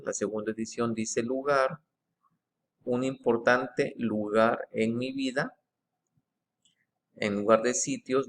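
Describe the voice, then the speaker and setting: A man slowly walks through a text line by line, stopping to reread passages and point out small wording changes. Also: medium pitch. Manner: slow, methodical, stops to reread passages. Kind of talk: screen-share walkthrough.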